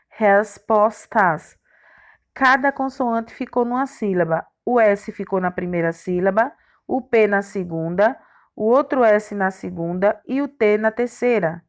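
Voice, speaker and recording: A woman teacher, giving a recorded grammar lesson to young children and spelling out letters and syllables one by one. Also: mid-range voice. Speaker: primary school teacher.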